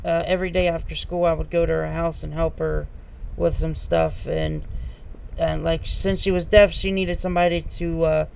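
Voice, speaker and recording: A man's voice: on the high side, flat delivery, moderate pace, creaky. A man hosting a casual podcast chat, telling rambling stories full of restarts and fillers. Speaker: host. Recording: dull lo-fi mic with faint noise.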